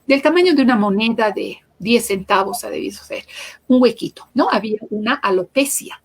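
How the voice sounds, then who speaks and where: A woman shares clinical anecdotes in a lively, conversational way, acting out the people she quotes. Her voice sits fairly high and has a husky, breathy edge. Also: a little fast. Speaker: psychomotor therapist, guest lecturer. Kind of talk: telling anecdotes in a conversational interview.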